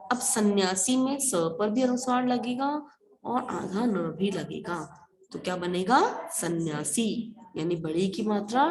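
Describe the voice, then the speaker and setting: A woman teaching an online school class, asking questions and then answering them herself as she goes through word lists. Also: mid-range voice. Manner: asks and answers her own questions while drilling words.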